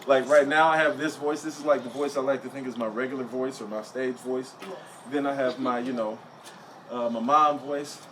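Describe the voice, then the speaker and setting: Profane young stand-up comic, heard from afar. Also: male voice, mid-range voice, steady tone, moderate pace. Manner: profane, conversational, punchline-driven. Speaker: stand-up comedian. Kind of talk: stand-up comedy set. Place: comedy stage. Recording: distant, noisy stage recording.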